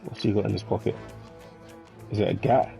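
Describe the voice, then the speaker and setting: A man chats through live gameplay as a variety streamer and reacts aloud to the game. His voice is gravelly and dark, set a little low. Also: steady tone, brisk, faint music behind, poor audio. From London.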